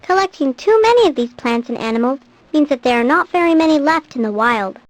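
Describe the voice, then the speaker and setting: A woman's voice: high-pitched, lively intonation, brisk, no room sound. A woman reading scripted nature documentary narration for an educational program.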